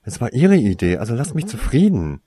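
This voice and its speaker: A man's voice: lowish voice, big pitch swings, measured pace, darkish tone, slightly rough, dry recording, exaggerated voice. A man voicing a defiant, sarcastic teenage boy wizard in a storybook reading.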